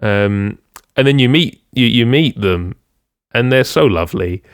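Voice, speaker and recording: A man's voice: medium pitch, lively intonation, unhurried, clear, resonant tone, no echo, studio quality. A man co-hosting a casual music podcast, rambling with many ums and restarts. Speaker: podcast co-host.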